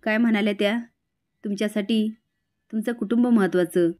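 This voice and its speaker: A woman's voice: mid-range voice, steady tone, fairly quick, a little mellow, lightly acted. A woman voicing an earnest, loyal young woman who pleads and reasons with others in a retold TV serial.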